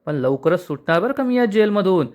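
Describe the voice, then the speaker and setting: A man's voice: sits high, very animated, brisk, darkish tone, pitched above the performer's own voice. A man voicing a boastful, scheming male crook in jail while retelling a TV serial episode, in a taunting, mocking manner.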